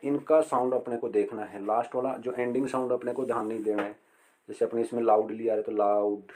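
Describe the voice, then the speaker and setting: A middle-aged male teacher explaining an English lesson slowly and patiently, repeating words and reading phrases aloud. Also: medium pitch, steady tone, dark tone, slight background noise.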